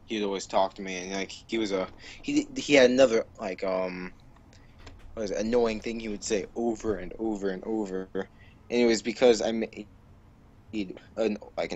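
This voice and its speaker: A man's voice: on the low side, lo-fi sound. A man on a casual podcast, rambling through a story with lots of fillers and restarts. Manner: rambling, filler-heavy, with frequent laughs. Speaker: podcast co-host.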